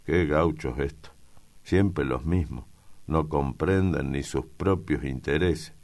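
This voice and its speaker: A polite young gentleman from the pampas, easily stung and guarded in his short replies, as a male audiobook reader voices him. The reader's very low voice is lifted a little higher for him. A restrained storybook son. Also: slow, vocal fry, heavily acted. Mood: musing. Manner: curt, guarded questions. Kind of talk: audiobook character voice.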